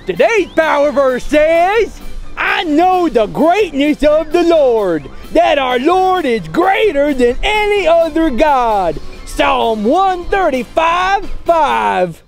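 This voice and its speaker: A performer playing a rowdy, exuberant kids' church host character with a folksy, drawn-out cheerleading delivery. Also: high voice, sing-song, soft background music, full character voice. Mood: excited. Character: rowdy, high-pitched kids' show character named Buster who loves busting stuff. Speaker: children's lesson host. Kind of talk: scripted kids' church lesson.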